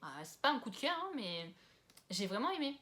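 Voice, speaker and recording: Casual book-vlog host, a young woman from France, middle pitch, chatty and self-mocking, lots of fillers. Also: sing-song, moderate pace, sharp tone. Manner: chatty, self-deprecating, many fillers and asides. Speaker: book vlogger. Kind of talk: casual chat about books. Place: at home with books.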